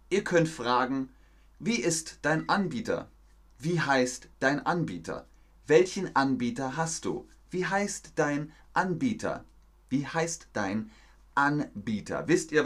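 A man teaching a live-streamed language lesson, repeating words slowly and praising his viewers. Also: mid-range voice. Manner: slow, repetitive, encouraging teacher talk. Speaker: German teacher.

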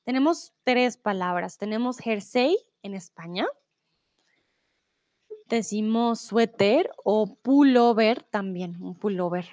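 A Spanish teacher runs a live online class, patiently reading riddles aloud and replying to what students type in the chat. Her mid-range voice is animated with a darkish tone, captured in a dry recording. She reads the riddles slowly and deliberately, moving between Spanish, English and German to explain.

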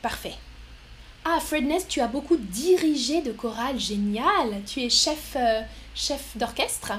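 A woman hosting a live stream, talking slowly and clearly as she reads out viewer comments and answers them with frequent light laughter. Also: high voice, animated, a bit bright, a little hiss or hum. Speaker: livestream host.

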